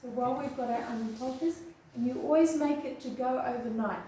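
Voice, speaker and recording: A woman's voice: high-pitched, fairly quick, dark tone, slight background noise. A woman from Australia giving a hands-on health demonstration, chatty, often checking in with "okay?" and "eh?". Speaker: health presenter. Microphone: far room microphone. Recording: echoey room from a distance.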